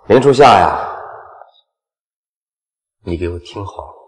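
An actor playing a smug, scheming corporate villain in a short drama, gloating with drawn-out mocking menace. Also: male voice, lowish voice. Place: large indoor concrete space, garage-like. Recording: long hall-like reverb.

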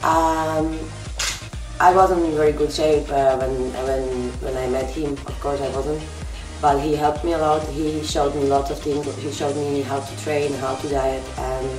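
A Slovak-accented woman in her late twenties with a low voice, talking plainly in short, halting bursts. She sounds a few meters from the camera in a small kitchen, with room echo and music playing behind her. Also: fairly even intonation, distant mic. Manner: plain, halting speech with fillers and repeated words. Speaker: fitness competitor. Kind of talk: casual home video chat and cooking demo. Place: small home kitchen and living room, indoors. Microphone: camera mic from a few meters away.

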